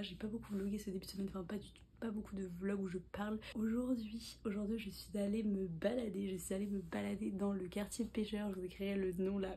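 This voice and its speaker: Young woman, casual vlog chat, rambling, half-whispered, mellow tone, faint hiss. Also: mid-range voice. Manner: chatty, rambling, often drops to a half-whisper. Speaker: medical student vlogger.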